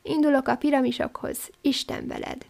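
A woman's voice: sits high, fairly even intonation, gravelly, darkish tone. A woman voicing a restless, proud young male swallow who talks bluntly in a storybook reading. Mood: fussy. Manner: chatty and blunt.

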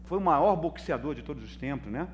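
A high-voiced Brazilian man preaches a sermon as pastor, his delivery swinging from loud bursts to quiet asides. He keeps calling his listeners brother. A faint hum sits under the recording. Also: animated, fairly quick, lo-fi sound. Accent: Brazilian Portuguese. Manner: dramatic preaching, swings between loud and soft.

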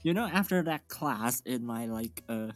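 A young man, chatting on a podcast and telling a school story in a loose, conversational way. His voice has a mid pitch. Quiet music plays underneath. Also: animated, moderate pace, dry recording. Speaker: podcast co-host. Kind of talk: casual chat.

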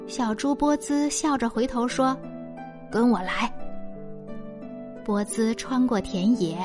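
A woman reading a children's story aloud in a gentle, expressive storyteller manner. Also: high-pitched.

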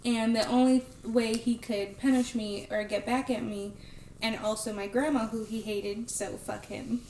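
Casting: young adult woman co-host, high voice, blunt and jokey, roomy recording with faint noise. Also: fairly even intonation, measured pace, darkish tone. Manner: blunt, joking, swears freely. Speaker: podcast co-host. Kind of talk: casual chat.

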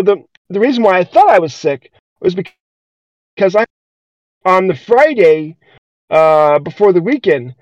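His voice sits high as he co-hosts a podcast, telling a loose, rambling story full of hesitations and restarts. The recording is dull, dry and lo-fi.

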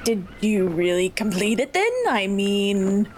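A woman playing a gruff female pirate captain who speaks in salty pirate dialect, with music playing behind. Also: mid-range voice, slow, noisy background, natural voice. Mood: teasing.

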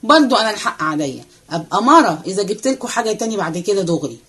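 A woman voicing a restless, cheeky young male servant with an Egyptian accent, chattering fast and excitedly. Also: mid-range voice, breathy edge. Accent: Egyptian Arabic. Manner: excited rapid chatter, running commentary.

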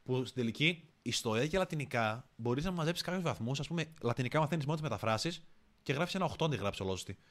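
A young man, a podcast guest, telling stories in a casual, slangy, animated way. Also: mid-range voice. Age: young adult. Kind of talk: casual storytelling chat.

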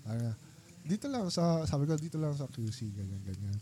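A man's voice: mid-range voice, very animated, a little fast, mellow, a little hiss or hum. A young man hosting a casual chat with old friends, telling a story in a rambling way with many fillers. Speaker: podcast host.

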